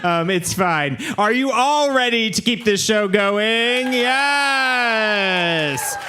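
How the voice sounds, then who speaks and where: A man hosting a comedy show, introducing the next comic to the live crowd with a slow, upbeat delivery. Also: high voice, lively intonation, sharp tone, clean tone. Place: comedy theater stage.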